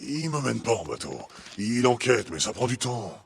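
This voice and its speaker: Gravelly, sardonic biker drifter. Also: male voice, mid-range voice, very animated, normal speed, background noise. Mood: defensive. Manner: gruff, sarcastic, blunt. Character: gruff, sardonic male biker drifter, rough and impatient. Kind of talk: video game dialogue acting.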